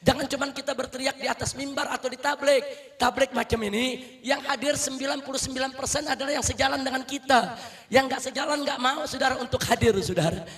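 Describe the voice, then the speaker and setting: A middle-aged male preacher with a very high, piercing voice delivers a fiery sermon to a large gathering. He rouses the crowd, repeats his call to the brothers again and again, and leads them in answering chants. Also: steady tone, fast, a bit bright. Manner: rousing, repeats "saudara", calls for takbir and crowd responses. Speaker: Islamic preacher.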